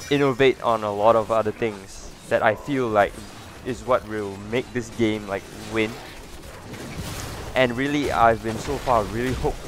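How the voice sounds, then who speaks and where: A man hosting a casual gaming video, chatting loosely with lots of fillers and restarts. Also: medium pitch. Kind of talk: casual gameplay commentary.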